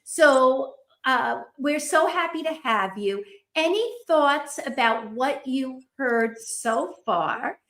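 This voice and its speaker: This is a woman co-hosting a conversational podcast. Her voice is high and she takes her time, setting out each phrase deliberately. The sound is roomy and echoing. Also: animated, fairly bright tone. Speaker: podcast co-host.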